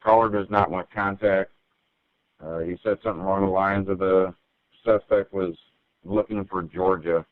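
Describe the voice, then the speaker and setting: A man's voice: low-pitched, fairly even intonation, normal speed, no echo. Man dispatching over tinny police radio. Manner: clipped, methodical readouts of units and addresses. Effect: police radio transmission. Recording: narrow tinny radio channel, dry.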